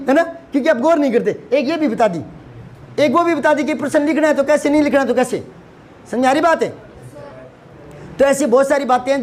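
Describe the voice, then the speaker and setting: A man teaching a lesson to students, scolding and asking rhetorical questions, often repeating words for emphasis. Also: very high-pitched. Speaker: Hindi teacher.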